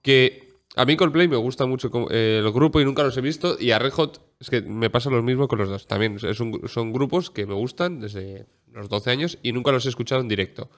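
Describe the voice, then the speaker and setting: A man's voice: mid-range voice, a little fast. A man co-hosting a casual podcast, musing hesitantly with lots of fillers. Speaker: podcast co-host.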